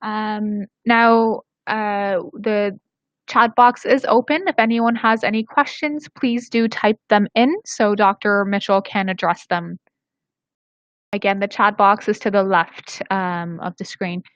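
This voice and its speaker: A woman's voice: medium pitch, steady tone, slow, fairly bright tone, no room sound. A woman hosting a webinar over a video call, moderating the questions with frequent hesitant fillers. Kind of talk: moderating a live Q&A. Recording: dry, dull video-call audio.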